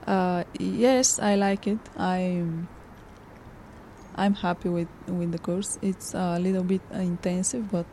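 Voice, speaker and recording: A woman with a Bulgarian accent speaking simple, halting learner's English in a practice dialogue. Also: on the low side, fairly even intonation, warm tone, a little hiss or hum. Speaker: English course student. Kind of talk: practice dialogue in a language class.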